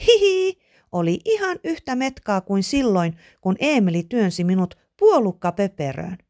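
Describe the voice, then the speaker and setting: A woman's voice: medium pitch, very animated, dry recording, clean studio sound, voice pushed up. A woman voicing a cheerful, eager little girl who squeals with giggles, in a storybook reading. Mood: giggly. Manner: squealing giggles, shouted replies.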